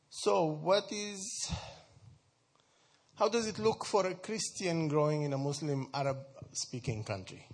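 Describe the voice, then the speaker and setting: Speaking to a church group in a relaxed, informal way, the Sudanese man quizzes his audience with questions and laughs frequently. His voice is a little high and slightly mellow, with a breathy edge.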